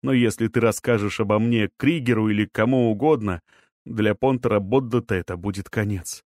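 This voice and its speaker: A man playing a weary, bitter middle-aged man in an audiobook, speaking flatly and resignedly. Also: lowish voice, moderate pace, no room sound, clean studio sound, lightly acted. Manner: flat, resigned, shrugging.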